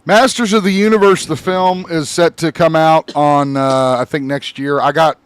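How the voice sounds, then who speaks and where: A man's voice: on the high side, steady tone, moderate pace, clear, resonant tone, dry recording. A man co-hosting a casual podcast, laughing often and swearing freely while reading out entertainment news. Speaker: podcast co-host. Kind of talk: casual chat.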